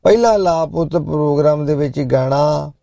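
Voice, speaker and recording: A middle-aged male host with a deeply gravelly, heavily fried voice, his tone dark and mellow, heard dry and close. He talks loudly and at length to his listeners, joking one moment and preaching the next. It comes across as a casual live chat between songs. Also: moderate pace, no echo, dull audio. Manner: loud, preachy, jokey, talks directly to listeners. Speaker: show host.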